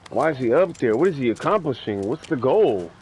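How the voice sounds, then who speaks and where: A man's voice: mid-range voice, sing-song, brisk, a little mellow, slight background noise. A man giving casual gameplay commentary in a slangy, repetitive way. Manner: slangy, repeats phrases. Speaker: gamer, channel host.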